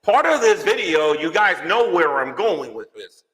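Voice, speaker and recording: Male YouTuber ranting, bright and lively, drowned in cave echo. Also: high voice, moderate pace. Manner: dramatic, preachy call-outs. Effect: heavy cave-like echo. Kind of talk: ranting video commentary. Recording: echoey reverb-heavy video clip.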